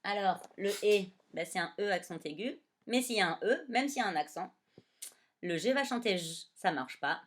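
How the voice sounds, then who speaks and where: A primary school teacher leads a dictation lesson for young children, sounding out each word one syllable at a time. She spells slowly, syllable by syllable, with a lively pitch.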